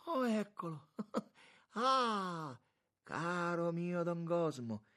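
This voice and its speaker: A man's voice: on the high side, huge pitch swings, slow, fairly bright tone, pitched above the performer's own voice, heavily acted. A man voicing a jovial, effusive elderly bishop who gushes with exclamations in a raised voice. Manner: exclamatory, gushing.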